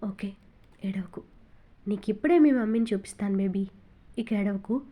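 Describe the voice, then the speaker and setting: A woman voicing a loving young father who gently soothes his son and stays resolute. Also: medium pitch, steady tone, moderate pace, lightly acted. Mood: tender.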